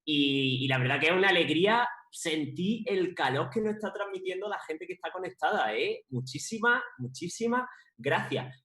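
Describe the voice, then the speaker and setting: A man's voice: high-pitched, lively intonation, moderate pace, bright, forceful tone. A male host of a live stream, greeting viewers effusively and passing questions to guests. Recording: roomy echo.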